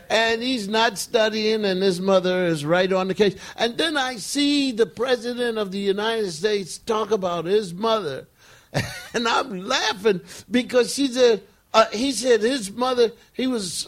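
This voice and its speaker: Slow, high-voiced rambling older man. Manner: slow, rambling, chuckles between thoughts. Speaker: interview guest. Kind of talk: casual storytelling conversation.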